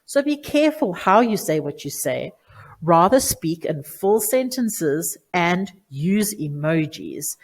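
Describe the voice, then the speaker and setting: A woman teacher giving a clear, deliberate lesson to children, stressing key words. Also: low-pitched. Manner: clear, deliberate instructive delivery with emphatic stresses. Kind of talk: lesson for children on online manners.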